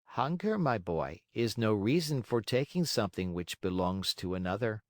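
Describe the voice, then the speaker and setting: Tiny lady glowworm, played by a male reader: tender, slow, moralizing, storybook tone. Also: on the low side, expressive, a little mellow, no room sound, studio quality, natural voice. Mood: admonishing. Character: kindly, pitying female glowworm, gently moralizing.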